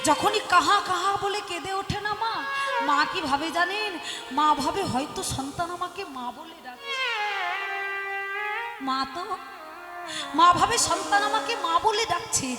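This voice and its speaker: A woman giving a devotional kirtan sermon, questioning the audience as mothers, swinging from soft talk to loud calls. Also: extremely high pitch, lively intonation, measured pace, long pauses. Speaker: kirtan preacher. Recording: echoey hall with music behind. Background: instruments playing.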